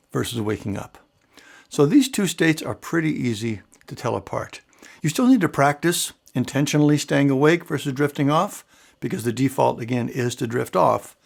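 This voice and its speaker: A man with a gravelly, slightly rough-edged voice talks alone to his listeners. He explains in a calm, measured way, now and then checking in with a quick aside. It sounds like a coach running his own show. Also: mid-range voice. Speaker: mental game coach and show host. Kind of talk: solo talk to camera or mic, explaining.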